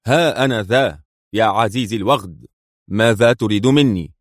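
A man's voice: fairly low pitch, normal speed, dry recording, clean studio sound, close to an everyday voice. A man voicing a cocky, sarcastic male secret agent in an audiobook reading, mocking and cool.

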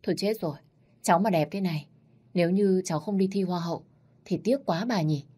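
A woman's voice: on the low side, fairly quick, mellow, slightly rough. Woman voicing a cheeky boastful young woman. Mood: playful. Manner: playful, wheedling, boastful.

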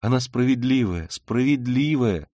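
A man reading an audiobook, voicing a timid, pious young woman who talks in a hurried, pleading way. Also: mid-range voice, a little mellow, dry recording, studio quality, voice pushed up, close to an everyday voice. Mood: anguished. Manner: hurried, breathless, rising into agitated pleading.

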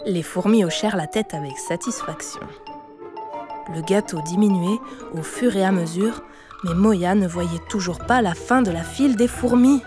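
Woman gently reading a children's story. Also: medium pitch. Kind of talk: children's audiobook narration.

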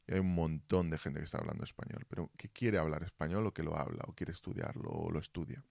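Low-voiced man streaming a dry room. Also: fast talker, vocal fry, darkish tone, no room sound. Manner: fumbling with audio gear, asking chat for feedback. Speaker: Twitch streamer. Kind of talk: casual live-stream chat. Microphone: desk mic, then built-in computer mic.

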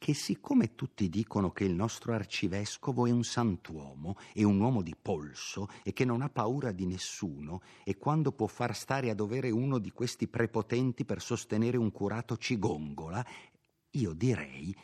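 A man voicing a sharp-tongued, bossy middle-aged housekeeper in an audiobook, scolding and insistent. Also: fairly low pitch, expressive, normal speed, slightly rough, pitched above the performer's own voice. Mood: lecturing. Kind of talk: audiobook character voice.

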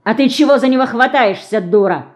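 A woman voicing a rough, mocking teenage street boy who taunts and threatens, read in an audiobook. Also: mid-range voice, animated, normal speed, darkish tone, natural voice. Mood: rude, mocking. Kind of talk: audiobook character reading.

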